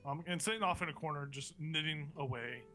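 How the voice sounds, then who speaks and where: A man's voice: on the high side, a little fast, sharp tone, soft background music. A man working as game master, casually narrating a tabletop role-playing session.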